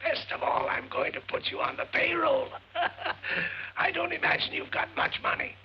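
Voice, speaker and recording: An actor playing a cranky older uncle in a 1940s film, who has lost his voice and croaks hoarsely through his lines. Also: very high voice, wildly swooping pitch, moderate pace, a little hiss or hum, heavily acted. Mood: gruff, grumbling. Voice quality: croaky, gravelly. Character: gruff older man, hoarse, feuding and cranky. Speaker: irritable rich uncle. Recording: muffled old film soundtrack.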